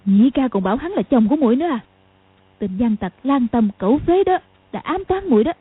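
A woman's voice: high voice, animated, brisk, husky, no room sound, heavily acted. Woman voicing a vengeful bitter old crone. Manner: harsh, scolding, biting. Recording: tinny lo-fi audio.

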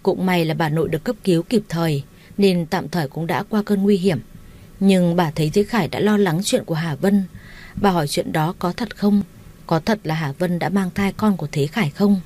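A woman narrating an audiobook story in a steady, even reading voice. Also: on the low side, normal speed.

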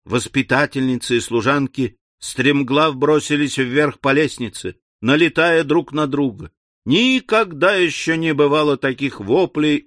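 A man narrating an audiobook of a classic comic novel in an expressive storytelling manner. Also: mid-range voice, no room sound, studio quality. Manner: expressive, lifting his voice for quoted shrieks. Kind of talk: scripted literary narration.

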